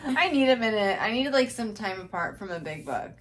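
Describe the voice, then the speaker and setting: A woman's voice: mid-range voice, expressive, a little fast, a little hiss or hum. A woman co-hosting a podcast, chatting casually about books she bought and breaking into laughing fits. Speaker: podcast co-host.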